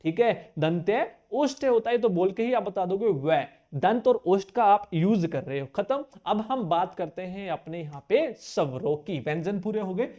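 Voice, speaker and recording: An animated, mellow, high-pitched man speaks at normal speed with barely any pauses. In his exam-prep grammar lesson he fires off questions and answers them, drills key terms by repeating them and calls his viewers brother in a casual way.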